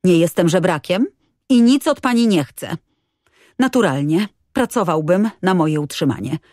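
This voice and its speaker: Kobieta grająca dumnego, upartego chłopca. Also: female voice, lowish voice, expressive, normal speed, darkish tone, no echo, clean studio sound, close to an everyday voice. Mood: proud. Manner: proud, defiant. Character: stern, proud boy.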